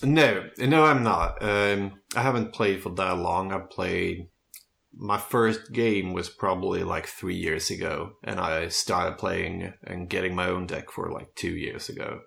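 The speaker is a native Swedish man in his thirties from Sweden, casually sharing his background on a podcast while thinking aloud, with a Swedish accent. He has a low, creaky voice that's a bit bright, delivered at a measured pace.

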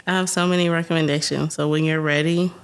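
A woman's voice: low voice, level tone, quick pace, clear, resonant tone. A young adult woman co-hosting a podcast in casual, teasing chat, laughing often. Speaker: podcast co-host.

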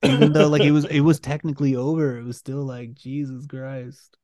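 Blunt, mellow-voiced male podcaster. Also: medium pitch, little pitch movement, moderate pace, no room sound, studio quality. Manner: blunt, swearing, grumbling. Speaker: podcast co-host. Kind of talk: casual chat.

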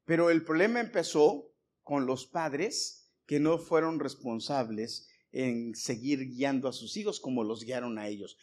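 A middle-aged pastor preaches with a fairly high voice. He is emphatic, repeats key words and keeps asking the congregation questions. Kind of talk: sermon. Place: church before a congregation.

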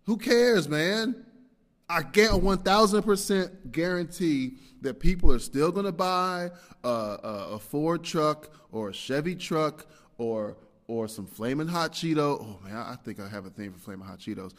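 A man's voice: fairly high pitch, expressive, measured pace. A man hosting a casual solo podcast, rambling and self-deprecating, with lots of fillers and restarts. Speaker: podcast host. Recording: long hall reverb.

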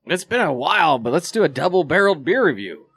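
Animated high-voiced man, cursing banter. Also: fast, husky, no echo. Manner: animated, swears a lot, laughs often. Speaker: podcast co-host. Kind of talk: casual podcast banter.

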